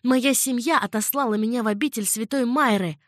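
Proud young captive lady, all fired up and indignant, woman reading her higher, dry sound. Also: brisk, dry recording, natural voice. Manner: indignant, raised and heated.

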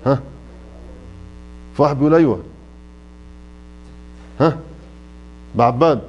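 In a mosque classroom, a man with an Egyptian Arabic accent teaches Quran recitation, stretching his tajweed examples and questioning his students. He speaks unhurriedly in a mid-range voice, captured on a lo-fi recording.

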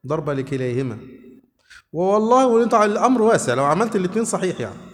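A man with an Egyptian Arabic accent teaches a religious hadith lesson in a fairly high voice. He explains word meanings step by step and keeps asking the room whether they follow. His voice carries a long, ringing reverb. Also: very animated, rapid-fire. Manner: explanatory, checks on listeners often. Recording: reverberant hall sound.

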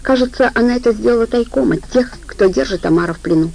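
A woman's voice: on the high side, fast, gravelly, a little mellow, pitched above the performer's own voice, low-quality recording. A woman narrator voicing a distraught but determined woman talking urgently in an audiobook. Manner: urgent, anguished.

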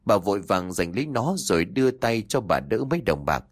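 A man narrating an audio story in an expressive, dramatic reading style. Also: lowish voice, brisk, dry recording, studio quality.

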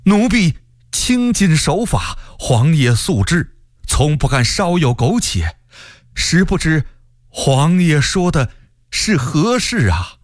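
A man voicing a frightened, fawning palace eunuch in a radio story, drawn-out and servile. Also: medium pitch, very animated, dry recording, studio quality, voice pushed up. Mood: pleading.

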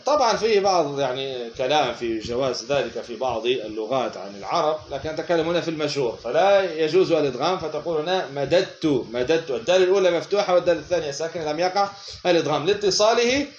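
A man giving a lesson on a grammar text, asking questions and then answering them himself, repeating words slowly. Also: fairly high pitch, animated, reverberant, highs cut off, slight background noise. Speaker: teacher of Arabic morphology.

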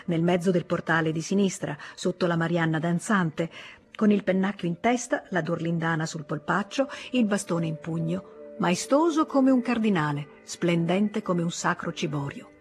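A woman reading a classic novel aloud in a measured, expressive audiobook narration. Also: lowish voice, faint music behind. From Italy. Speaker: audiobook reader. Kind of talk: literary narration.

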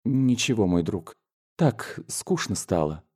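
Man voicing a tearful mother, gentle, soft, hushed, low warm tone, audiobook. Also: moderate pace, lightly acted. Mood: sad. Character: sorrowful gentle mother, holding back tears.

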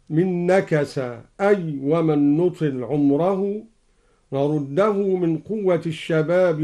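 A man explaining recitation variants in a measured religious lesson on a radio broadcast, speaking slowly and deliberately. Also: on the high side, dark tone. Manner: slow, deliberate explanation between recited verses. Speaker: Quran radio scholar explaining readings. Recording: live broadcast from a Quran radio station.

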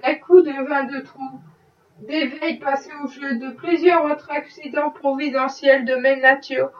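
A woman reading a novel aloud, voicing an ironic wealthy gentleman who is a worldly skeptic, with a dry, mocking manner. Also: high voice, steady tone, unhurried, far from the mic, dull audio. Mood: wry. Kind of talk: audiobook reading.

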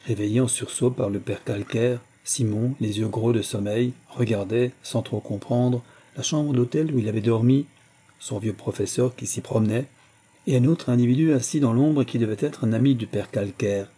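Male audiobook narrator, measured, deep-toned, husky. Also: dark tone. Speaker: audiobook reader. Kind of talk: scripted narration.

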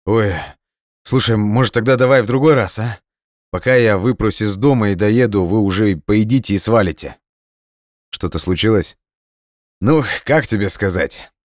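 Crude, cheeky young guy, higher and louder than the reader's low voice, put on by a man. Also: normal speed, no echo, clean studio sound, natural voice. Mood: brash, joking. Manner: loose, crude, laughing.

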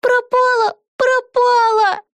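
A woman voicing a shrill, whiny little girl in a storybook, wailing and pleading in a very high voice. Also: flat delivery, slow, fairly bright tone, no room sound, full character voice.

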